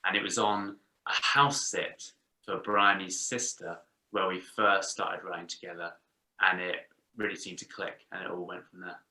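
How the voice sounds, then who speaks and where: A man from England, a band member, telling the story of his band in a relaxed interview. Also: deep voice, normal speed. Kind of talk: casual interview answers. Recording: roomy echo.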